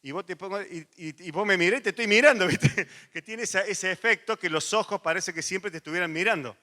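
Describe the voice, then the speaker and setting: A middle-aged man with a Rioplatense Spanish accent preaching a sermon, moving from lively anecdotes to hushed, earnest appeals. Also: high voice, brisk. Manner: animated storytelling with laughs, then quiet intimate pleading. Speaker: pastor.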